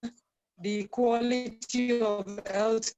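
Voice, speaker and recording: A Nigerian woman speaking slowly and haltingly over a video call, her audio glitching and breaking up from a bad connection. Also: a little high, fairly even intonation, dark tone, faint music behind, low-quality recording. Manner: slow and halting, with frequent ums. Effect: choppy, glitching audio breaking up over a bad connection. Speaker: panel speaker. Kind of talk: remote panel remarks.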